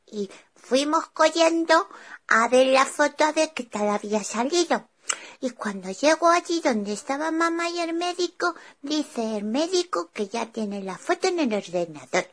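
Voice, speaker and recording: A woman's voice: sits high, lively intonation, measured pace, a bit bright. A woman playing Lío, a chatty little boy. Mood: eager. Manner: eager, breathless retelling with stammered restarts. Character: young boy, cheerful and chatty. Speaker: child character telling a story. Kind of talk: children's show storytelling.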